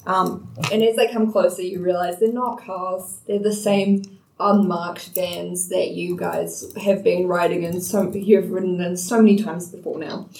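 A woman's voice: lowish voice, fairly even intonation, moderate pace, darkish tone. A woman runs a tabletop game as game master in a loose, laughing, salty way. She sits back from the microphone, so her voice comes across distant and hollow. The room adds a roomy echo to every line. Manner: casual, laughing, swears freely. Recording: roomy echo, speaking away from the mic.

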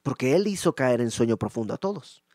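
A man preaching a Bible teaching sermon in a lively, conversational way. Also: mid-range voice, fairly quick, dry recording, studio quality. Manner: lively, conversational, acts out scenes.

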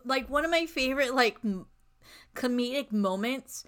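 A woman's voice: high-pitched, lively intonation, moderate pace, fairly bright tone. A woman co-hosting a casual chat about a film, rambling with lots of "like" and restarts. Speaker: podcast co-host.

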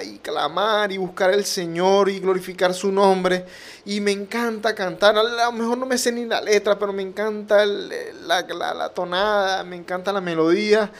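High-voiced fervent male radio preacher. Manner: fervent, repetitive, pleading phrasing.

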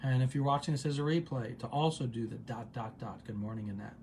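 A man leads a gratitude practice on a livestream with a calm, unhurried delivery, often easing his repeated words down into a soft, low murmur. His voice sits at an ordinary middle pitch. A faint hum is heard behind him. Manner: calm, drawn-out repetitions dropping soft and low. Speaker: meditation host. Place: office.

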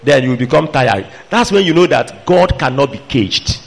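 A man's voice: medium pitch, animated, moderate pace, gravelly. A man with a Nigerian accent preaching a sermon, emphatic and admonishing, putting pointed questions to his listeners. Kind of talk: sermon to a fellowship.

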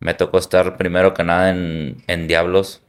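A man from Hermosillo speaks with a Sonoran Mexican accent in a very low, steady voice that barely rises or falls. As a football coach and former player, he gives earnest, reflective interview answers. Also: normal speed. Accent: Sonoran Mexican Spanish.

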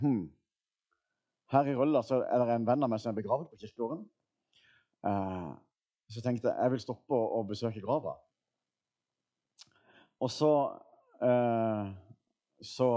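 A man in his thirties preaching a sermon in a church, telling a personal story in a relaxed way with many fillers. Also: medium pitch, dull audio. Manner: casual storytelling with fillers and laughs. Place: church hall.

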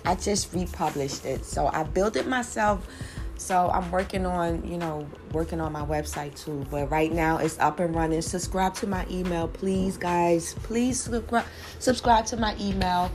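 A woman's voice: fairly low pitch, a little slow, darkish tone, a little hiss or hum. A woman in her forties chatting casually with her viewers, rambling a little and using many fillers. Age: 40s. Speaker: vlogger and small business owner. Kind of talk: casual chat to camera. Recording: music playing behind her.

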